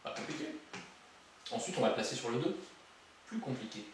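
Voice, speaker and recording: A man teaches drums, counting the beats out loud and joking between exercises, with drumming behind him. His medium-pitched voice is very animated and brisk. The recording is very echoey with background noise, and he sounds far from the mic in the drum-kit room.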